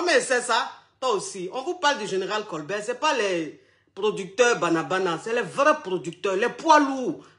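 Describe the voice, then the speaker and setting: A man's voice: very high voice, bright, forceful tone. A man hosting a playful online chat show, out of breath, teasing and laughing with his viewers. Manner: flamboyant, teasing, laughs often, calls viewers "my loves".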